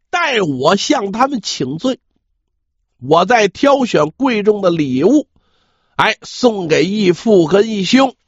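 A man, a dramatic storyteller, voicing a wounded Mongol khan who feigns weak, humble conciliation in a gravelly, halting, sighing voice. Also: high voice, no echo, full character voice. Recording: dull, slightly lo-fi audio.

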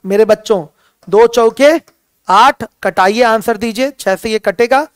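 A man's voice: high-pitched, a little slow, clear, resonant tone, no room sound. A man teaching a math lesson, addressing students as his children and asking questions he then answers himself. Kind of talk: classroom lecture.

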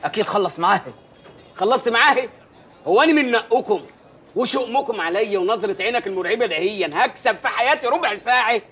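A man with an Egyptian accent playing a brash, blustering village mayor in rapid, bickering comic banter. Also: high voice, expressive, a bit bright. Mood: grumbling. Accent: Egyptian Arabic. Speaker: comic actor. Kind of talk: sitcom acting.

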